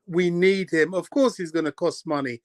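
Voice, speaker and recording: A man's voice: fairly high pitch, normal speed, no echo. Passionate man ranting about football. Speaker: co-host. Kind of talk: casual fan chat.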